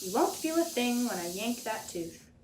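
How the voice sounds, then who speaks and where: A woman voicing a cautious male mouse dentist from a storybook, brisk, firm and authoritative. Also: on the high side, sing-song, roomy sound, distant mic, slight background noise, low-quality recording. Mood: businesslike.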